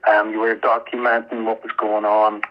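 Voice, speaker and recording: A man giving an earnest, halting, emotional personal account as a guest in a radio interview. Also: on the low side, monotone. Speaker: interview guest, activist volunteer. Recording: muffled, band-limited radio interview sound.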